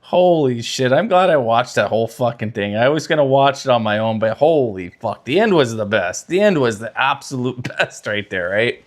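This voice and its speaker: A man hosting a livestream, reacting with loud profanity and excited exclamations. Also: mid-range voice, moderate pace, hardly any pauses. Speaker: livestream host. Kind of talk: casual livestream commentary.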